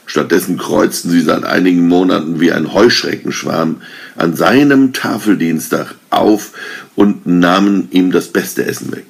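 A man reading a Christmas story aloud in a measured, calm storytelling manner. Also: low-pitched, creaky, husky. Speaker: reader.

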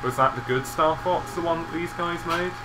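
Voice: medium pitch, normal speed, noisy background. A player chatting casually over gameplay, dry and wry, often stumbling and restarting. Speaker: let's play co-player.

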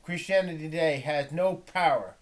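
Man critic, high pitched, preachy and confrontational, unscripted rant. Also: normal speed. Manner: preachy, confrontational, quotes old-style scripture aloud. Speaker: video critic reacting to a documentary. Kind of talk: impassioned off-the-cuff commentary.

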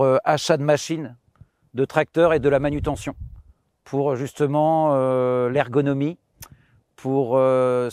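A man's voice: mid-range voice, darkish tone, no echo, clean studio sound. A man in his thirties explaining his farm outdoors on a tour, casual and hesitant with many fillers. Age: 30s. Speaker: farmer giving a farm tour.

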